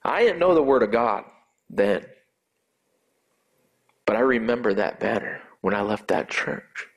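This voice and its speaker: Man, personal testimony, earnest and emotional, halting delivery. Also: lowish voice, lively intonation.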